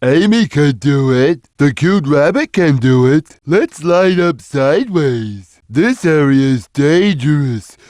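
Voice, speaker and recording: Big friendly dim-witted game cat: very slow, simple, childlike delivery with lively swings in pitch. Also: male voice, dry recording, clean studio sound. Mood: gentle, plain. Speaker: video game character. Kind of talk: video game voice lines.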